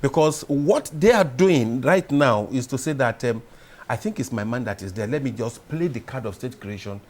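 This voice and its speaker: A man speaks as a public affairs analyst on a TV panel, his pitch in the middle for a man. He explains in a measured way and leans into emphatic points. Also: expressive, darkish tone, slight background noise. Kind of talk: studio discussion. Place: TV studio.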